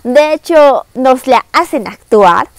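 A young Peruvian woman with a bright, high voice retells a classic book in a chatty vlog. She sounds animated and speaks straight to her viewers. Her voice is close and dry, with no room sound. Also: takes it slowly, dry recording. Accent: Peruvian Spanish. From Cusco, Peru. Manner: chatty, animated, direct address. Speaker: book summary vlogger. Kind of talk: casual story retelling.

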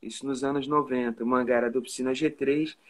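With a mid-range voice and a quick pace, a musician guest in his forties chats casually about his life, speaking Carioca Portuguese as a native of Rio de Janeiro, Brazil. He tells stories in a relaxed way, often ending sentences with "né?", during a live video chat from a room at home on a phone or webcam.

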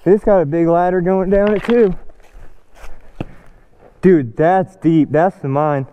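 A young man chatting casually in the woods while exploring on a dirt bike, talking in excited, laid-back slang. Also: sits high, slow. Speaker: vlogger. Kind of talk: casual chat while trail riding. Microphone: helmet-mounted action camera. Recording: dull lo-fi action-cam audio, faint noise.

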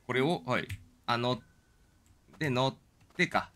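A streamer offers casual game commentary, exclaiming and talking to himself as he plays in an animated way. His mid-range voice is unhurried, with soft background music behind it.

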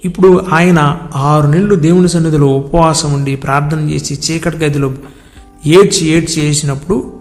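An earnest male preacher gives a devotional sermon in a somewhat high voice. He repeats words in a steady cadence and stretches out key phrases. Soft music plays underneath. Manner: earnest, repetitive cadence, drawn-out emphatic words. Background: soft background music.

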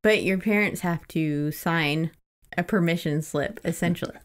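An American woman co-hosts a podcast, casually chatting and recapping a book in an irreverent, unfiltered way and swearing freely. Her voice is on the low side, at normal speed.

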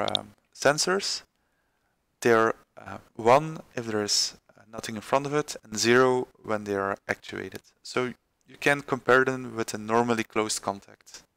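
Man, gravelly tutorial presenter, halting delivery with fillers, mid pitch. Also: sharp tone, no room sound. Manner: halting, many fillers and restarts. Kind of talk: screen-recorded software tutorial.

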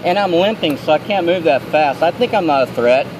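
A man's voice: on the high side, animated, fairly quick. A man giving sardonic, challenging running commentary as he films police outdoors on a handheld camera. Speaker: citizen filming police. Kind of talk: running commentary while filming. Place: outdoors at night on a city street. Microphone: handheld camera microphone. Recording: noisy outdoor street with traffic.

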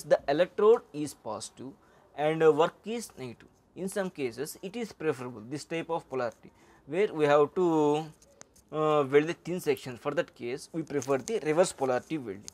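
Man teaching welding, halting. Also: fairly high pitch. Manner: halting, frequent "uh" and "okay" fillers. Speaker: welding instructor. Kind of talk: slide lecture.

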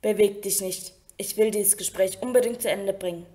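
A woman voicing an earnest, tender young prince in a storybook reading, with a soft delivery. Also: medium pitch, fairly even intonation, moderate pace, natural voice. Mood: intimate.

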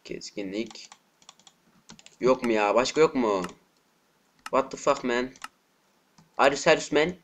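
A man's voice: medium pitch, slow pace, long pauses. Cursing, frustrated young gamer man. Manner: frustrated, cursing, bursts of shouting. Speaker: gaming channel host. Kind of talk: live gameplay commentary. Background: keyboard typing and mouse clicks.

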